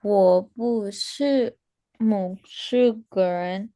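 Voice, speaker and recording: A woman's voice: medium pitch, drawn-out words, mellow, no echo. A woman learning Chinese who gives short, hesitant answers as she repeats after her teacher. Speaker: language student.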